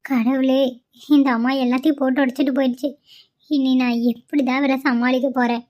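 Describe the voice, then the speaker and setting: A woman's voice: sits high, level tone, a little fast, a little mellow, lightly acted. A woman voicing a stubborn, devoted young wife in a cartoon, pleading and insistent. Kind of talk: cartoon voice acting.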